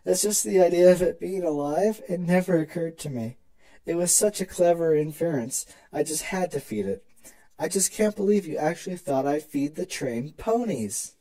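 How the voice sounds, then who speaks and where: Performer as elder pony princess: proud, protective, indulgent explainer with a mellow, swooping delivery for a fan fiction drama. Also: medium pitch, lively intonation, normal speed, low-quality recording. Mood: amused.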